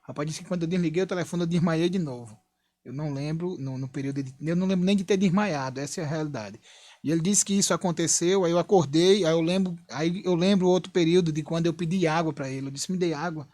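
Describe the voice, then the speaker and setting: On the high side and darkish, the young man's voice comes fast in a dry recording as he gives his church testimony. With a Brazilian Portuguese accent, he tells the story earnestly and repetitively, dropping frequent asides and "né?".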